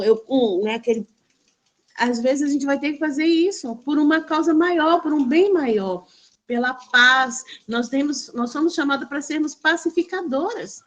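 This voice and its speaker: A woman pastor, sharing a lively devotional testimony in an animated storytelling way. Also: on the high side.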